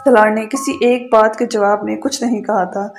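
A woman reading a novel aloud in a steady, even storytelling voice. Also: medium pitch. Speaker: audiobook narrator. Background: faint background music.

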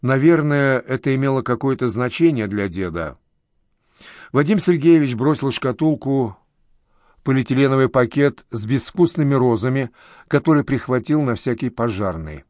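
A man narrating an audiobook in a measured, expressive reading. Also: medium pitch, no room sound, clean studio sound.

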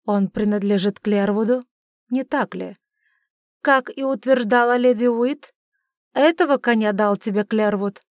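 A woman voicing a stern, furious middle-aged father who accuses and shouts at his daughter in an audiobook. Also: medium pitch, fairly even intonation, normal speed, dry recording, clean studio sound, close to an everyday voice. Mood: angry.

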